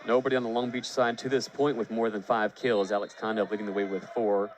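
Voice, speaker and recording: This man is a radio play-by-play caller for live baseball and volleyball, describing action fluently and lifting his voice for the big moments. He talks at a quick pace in a lowish, level voice, with slight background noise.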